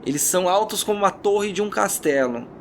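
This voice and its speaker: Animated, brisk and high-pitched, a Brazilian man serves as game master for a fantasy tabletop RPG, narrating dramatically with informal asides. Music plays behind his voice, along with a little hiss or hum.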